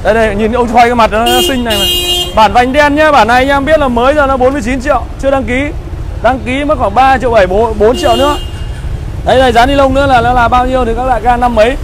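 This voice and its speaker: A man in his thirties with a northern Vietnamese accent gives a live street sales pitch as a motorbike dealer, in repetitive hawker-like patter. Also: fairly even intonation, quick pace. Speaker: used motorbike dealer, livestream host. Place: busy street outside a motorbike shop. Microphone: clip-on lapel mic. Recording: loud street traffic noise.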